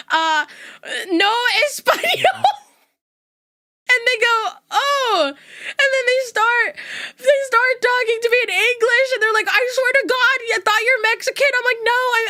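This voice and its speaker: A young VTuber streamer from the United States West Coast, with a neutral accent, chats casually with her viewers and laughs often. Her voice is very high with a sharp tone.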